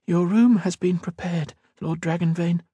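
Male narrator playing a timid young maid: raised, soft, meek. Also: high voice, steady tone, a little slow, breathy edge, dry recording, voice pushed up. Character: meek, nervous young servant woman.

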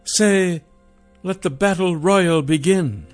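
A man's voice: sits high, takes it slowly, soft background music, pitched above the performer's own voice. A man voicing a poised, teasing young noblewoman ruler who speaks in a lofty, coaxing way.

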